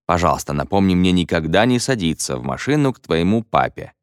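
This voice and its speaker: A man's voice: low-pitched, sing-song, fairly quick, clear, resonant tone, dry recording, studio quality. A man voicing a good-humored male schoolteacher who jokes and teases his class in a wry, encouraging way. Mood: wry, teasing. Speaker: teacher.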